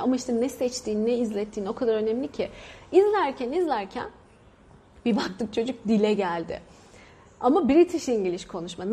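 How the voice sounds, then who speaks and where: A woman's voice: fairly high pitch, mellow, slightly rough. A woman from Turkey in her thirties, a mother talking casually to viewers in a chatty way, with many hesitations and doubled verbs. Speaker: mother sharing her experience.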